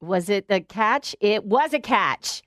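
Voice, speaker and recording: A middle-aged woman answering quick questions as an interview guest, playful and brief, laughing easily. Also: medium pitch, expressive, fairly bright tone, no room sound, studio quality. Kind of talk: casual rapid-fire Q&A.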